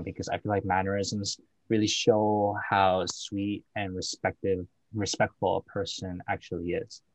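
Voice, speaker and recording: Low-voiced young man, dry sound. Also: no room sound, rough recording. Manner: relaxed, hesitant, many fillers. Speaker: podcast co-host. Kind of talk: casual chat.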